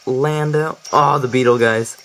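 A young let's play commentator chats casually over his gameplay, laughing often and tripping over his words. His voice is on the low side, bright and forceful, at a moderate pace. The rough recording has a little hiss or hum, with faint game music behind.

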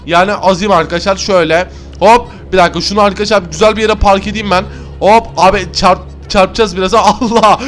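Excitable high-voiced male gamer. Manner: excitable, exclaiming to viewers. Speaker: gaming YouTuber. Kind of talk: Minecraft gameplay commentary.

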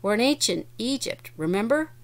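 Eager storybook girl, high-pitched and lively, put on by a woman reader. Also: normal speed, natural voice. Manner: excited, calling out. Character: eager adventurous young girl.

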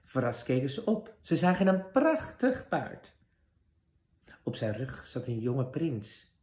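Lively man reading a fairy tale. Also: medium pitch, slow pace. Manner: lively, expressive narration. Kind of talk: children's fairy tale read-aloud. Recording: roomy echo.

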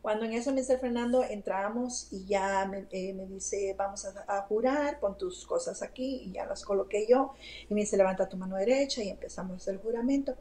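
A woman's voice: mid-range voice, moderate pace, mellow, low-quality recording. A woman telling a story to a host in a casual chat, full of fillers and asides. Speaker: interview guest.

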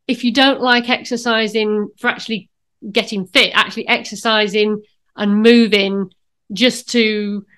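A woman, a personal trainer talking as a guest, emphatic and animated, on a video call from home. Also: fairly high pitch. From Britain. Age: 50s. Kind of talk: casual interview chat.

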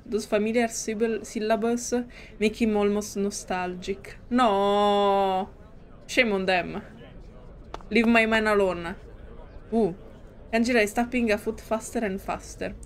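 A woman streamer reading a story game aloud with commentary, giggly and hesitant. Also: mid-range voice. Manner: slow, giggly and hesitant, with restarts. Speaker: gaming streamer.

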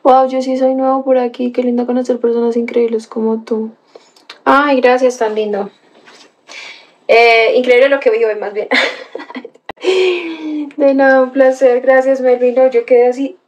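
Chatting casually on a livestream, a young woman reads the chat and greets viewers by name as she tells a story with gasps and exclamations. Her high, steady, slightly mellow voice moves at a measured pace with frequent pauses, and the highs are cut off.

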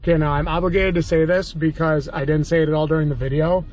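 A man's voice: on the high side, steady tone, quick pace, a little mellow. An American man in his thirties hosting a casual fishing vlog, talking in an enthusiastic, chummy, slangy way. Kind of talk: casual outdoor vlog talk. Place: truck cab, woods, home kitchen.

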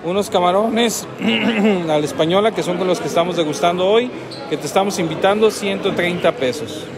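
A man's voice: sits high, moderate pace, crowd noise. A man with a Mexican accent casually reviewing a restaurant meal, repeating phrases and laughing often, filmed on a phone at a table near a road. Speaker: food vlogger.

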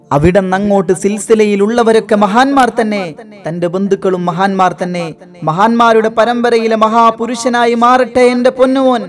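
A grieving, devout mother speaks softly and pleadingly to her young son, as a male narrator puts her on. The voice sits fairly high and stays gentle throughout the storybook reading. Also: close to an everyday voice. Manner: tender, pleading.

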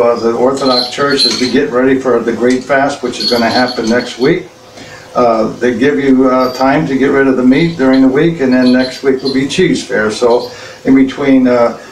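A man gives a relaxed, conversational sermon as an Orthodox bishop, often trailing into filler sounds and starting sentences over. His voice is caught from a distance in a reverberant church. A faint hum of noise sits underneath. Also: medium pitch. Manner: plain, unhurried, with frequent filler sounds and restarts.

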